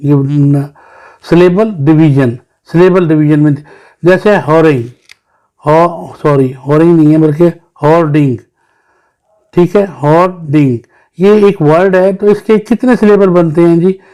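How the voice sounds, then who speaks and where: Speaking a little slowly in a warm, fairly high voice with fairly even intonation, a Pakistani man teaches children English. He breaks words into syllables patiently and blends English terms into his Hindi-Urdu explanations in this recorded lesson.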